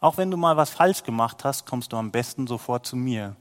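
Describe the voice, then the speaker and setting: A man voicing a gentle, deep-voiced king who speaks to his adopted child as a loving father, soft and reassuring. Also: brisk, big-room sound, natural voice. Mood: calm, tender. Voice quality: deep, calm.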